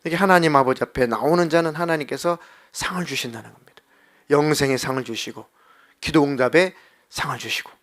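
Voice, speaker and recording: Animated high-voiced male pastor. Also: quick pace. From South Korea. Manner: animated, acts out children's and God's voices. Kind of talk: sermon. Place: church sanctuary.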